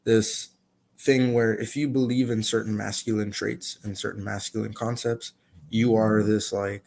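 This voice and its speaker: A man's voice: lowish voice, creaky, darkish tone. A man with a Toronto accent explaining his opinions in a casual panel discussion. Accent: Toronto Canadian.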